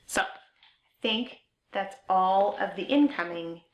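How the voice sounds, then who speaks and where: A woman talks in a slow, unhurried way as she hosts a knitting show and chats about what she has. She sounds eager and casual, drifting off mid-thought and using fillers. Her voice echoes around the room at home where she is recording. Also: medium pitch, muffled recording, slight background noise. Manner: chatty and enthusiastic, with filler words and trailing thoughts. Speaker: knitting podcast host. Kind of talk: casual show-and-tell chat. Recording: roomy echo.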